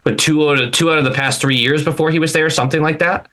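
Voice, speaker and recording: A man co-hosting a sports podcast in casual chat, animated and quick to laugh, often restarting his sentences. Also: fairly high pitch. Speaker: podcast co-host.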